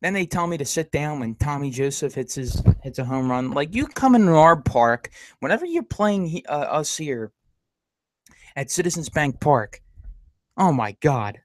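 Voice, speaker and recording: A man's voice: a little high, expressive, normal speed, no room sound. Man, podcast host, casual rant, stammers and repeats himself, dry close sound. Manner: rambling, stammering, ranting sports fan. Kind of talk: casual live-stream chat.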